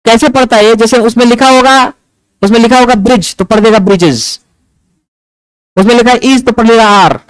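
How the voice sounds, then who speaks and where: Male teacher, high clear voice, dry sound, lecturing a classroom and quizzing students. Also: fast, no room sound, poor audio. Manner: animated, asks the class questions. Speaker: English teacher.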